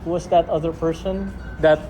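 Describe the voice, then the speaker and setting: A man's voice: fairly high pitch, steady tone, moderate pace, mellow, a little hiss or hum. A male fan talking casually, earnest and hesitant with lots of ums. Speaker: fan at a meet and greet. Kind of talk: casual chat.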